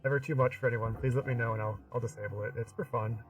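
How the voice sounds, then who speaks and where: A man's voice: medium pitch, fairly even intonation, fast, over music. Guy streaming a game, voice on an am radio filter, sounds kinda far off, rambly with lots of you know. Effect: AM radio filter on his voice. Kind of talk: casual gameplay commentary.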